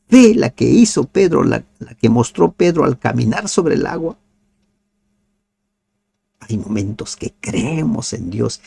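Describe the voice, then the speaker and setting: Dark low-key guy doing a bible devotional, slow talker, swings his pitch around a lot, asks rhetorical questions. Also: creaky, breathy edge. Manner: drops to soft, nearly whispered pleas. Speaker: Bible teacher.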